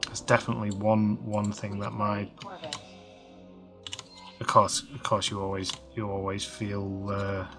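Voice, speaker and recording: Guy, 30s, kinda hoarse, low-ish voice, slow chatty gaming commentary, lots of ums, faint music behind. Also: completely flat delivery. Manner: rambling, chatty, many fillers and restarts. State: slightly hoarse. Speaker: game let's-play host. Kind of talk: casual gameplay commentary.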